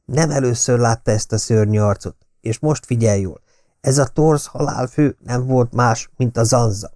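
A man's voice: medium pitch, no echo, clean studio sound, close to an everyday voice. A man reading a secretive, intense detective. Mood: urgent. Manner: urgent, hushed warnings.

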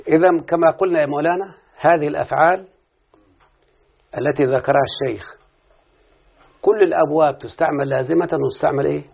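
Male Egyptian teacher, gravelly husky voice, quizzes students as he explains, phone-like sound. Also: fairly high pitch, fast, pauses often. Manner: questioning, drawing students in with repeated "what?" prompts. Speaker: teacher of Arabic morphology. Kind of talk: classical Arabic grammar lesson with opening prayers.

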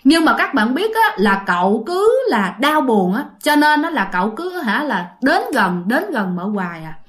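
A woman's voice: a little high, very animated, moderate pace. Chatty woman storyteller. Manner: chatty, addresses listeners directly, many fillers. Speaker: ghost story narrator. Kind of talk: spoken ghost story telling.

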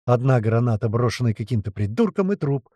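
A man's voice: medium pitch, very animated, a little fast, dark tone, no echo. A man reading a first-person audiobook in a blunt, swearing storytelling manner. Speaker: audiobook reader.

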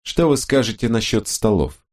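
A man voicing a brisk, businesslike woman detective who speaks precisely and officiously. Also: on the low side, very animated, darkish tone, voice pushed up.

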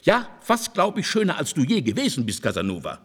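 A man's voice: on the high side, wildly swooping pitch, a little fast. A man reading the part of a devoted middle-aged woman in love in an audiobook, tender and pleading.

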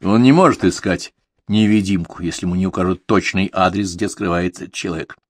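A man narrating an audiobook in an even, measured reading. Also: sits low. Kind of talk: scripted narration.

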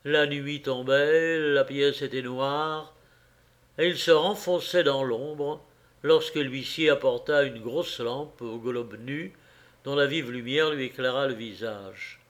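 A man reading a novel aloud as an audiobook narrator, in a slow, measured way. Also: mid-range voice. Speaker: audiobook reader.

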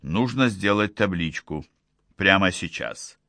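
A man voicing a curt, decisive male engineer in an audiobook, close to his own low voice. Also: expressive, takes it slowly, gravelly, sharp tone, no room sound, exaggerated voice.

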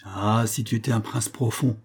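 Un homme qui fait un jeune poète rusé. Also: male voice, on the low side, fairly even intonation, normal speed, darkish tone, husky. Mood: defiant. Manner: impassioned and defiant pleading. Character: young male poet, proud, cunning and passionate. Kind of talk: audiobook reading.

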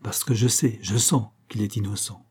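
A man reading the part of a cheeky, shrewd young actor turned detective, in a wry, easy-going way and a dark, husky voice. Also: on the low side, steady tone, normal speed.

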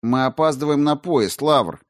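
A man voicing a calm, firm young man who talks coolly and insistently. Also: medium pitch, moderate pace, dry recording, clean studio sound, pitched above the performer's own voice.

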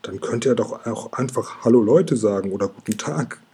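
A man's voice: medium pitch, normal speed, warm tone, a little hiss or hum, natural voice. A man voicing a grumbling, skeptical young male character in a storybook reading.

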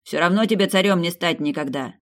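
A woman's voice: lowish voice, brisk, lightly acted. Woman doing a defiant young serpent man. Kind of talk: audiobook character voice.

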